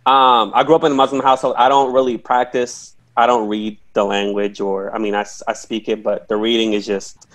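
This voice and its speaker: A man's voice: fairly low pitch, flat delivery, brisk. A man in his twenties hosting an interview, talking in a rambling, hesitant way with many fillers. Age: 20s. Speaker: interviewer, YouTube host. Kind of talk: casual interview.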